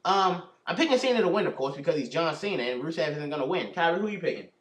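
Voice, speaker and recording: A man's voice: a little high, animated, fast talker, a bit bright. A young man hosting a casual prediction video, rambling and often restarting his sentences. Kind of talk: casual wrestling predictions chat. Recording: echoey room, mic far off.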